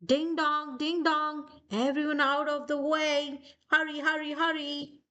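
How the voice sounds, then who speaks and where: A woman voicing excitable, urgent firemen in a children's storybook, calling out in short exclamations. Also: high-pitched, measured pace, pitched above the performer's own voice. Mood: urgent, excited. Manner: exclamatory, repeated short commands.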